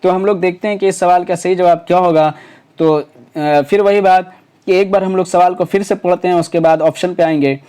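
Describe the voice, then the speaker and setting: A man coaching students for a teaching exam. His voice is fairly high for a man and mellow in tone. He talks casually, with lots of fillers and rhetorical questions as he rules out each answer option. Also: fairly even intonation, clear, resonant tone. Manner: conversational, many fillers and self-corrections, rhetorical questions.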